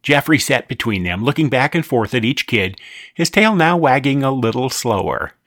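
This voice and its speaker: Animated man reading a children's story. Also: mid-range voice, normal speed, no echo, clean studio sound. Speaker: narrator. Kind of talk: storybook narration.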